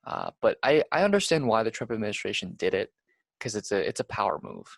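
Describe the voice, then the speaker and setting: Gravelly young male podcast host. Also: lowish voice, big pitch swings, quick pace, no echo. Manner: earnest, full of "you know" restarts. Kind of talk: casual podcast chat.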